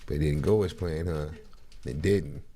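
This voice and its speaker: A man's voice: a bass voice, normal speed, warm tone. A man streaming a casual reaction, mocking and laughing in slangy banter.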